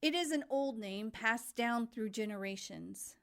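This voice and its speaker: A man's voice: high-pitched, unhurried, gravelly, fairly bright tone, full character voice. A woman voicing an anxious, hospitable male ferryman of souls, fretful at times and formal and grand at others.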